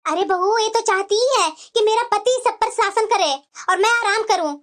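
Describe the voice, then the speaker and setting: Woman doing a super high-pitched nagging mother-in-law, guilt-trippy and sharp-tongued, cartoon family drama. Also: normal speed. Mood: accusing. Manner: scolding, self-pitying, reproachful. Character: stern scheming Indian mother-in-law, older woman. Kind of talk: animated family drama dialogue.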